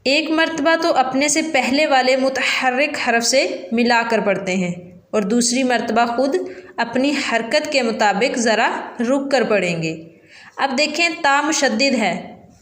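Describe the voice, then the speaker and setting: A woman's voice: sits high, unhurried, a bit bright, echoey room. A woman teaching a Quran reading lesson with a Pakistani Urdu accent, explaining each rule patiently and repeating it twice.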